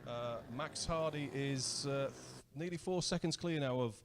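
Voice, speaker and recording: A man's voice: mid-range voice, moderate pace, noisy background. A man with a British accent doing live race commentary, chatty and asking his co-commentator questions. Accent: British English.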